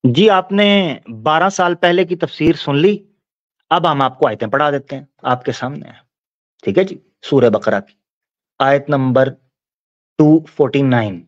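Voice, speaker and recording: A man giving Islamic commentary, explaining points and reciting verses slowly. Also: medium pitch, no echo, dull audio. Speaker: religious commentator.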